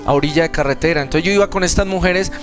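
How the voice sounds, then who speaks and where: Speaking very fast over music, a young Colombian-accented man with a slightly high voice gives his testimony at a seminar hall. He tells the story earnestly, performing the other characters' lines in different voices.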